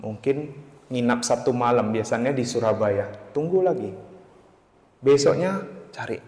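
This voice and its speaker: A man's voice: mid-range voice, measured pace, a little mellow. A man giving a Buddhist dharma talk in a meditation centre hall, in a chatty, anecdotal way, acting out the voices of the people in his story. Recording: echoey hall with long reverb.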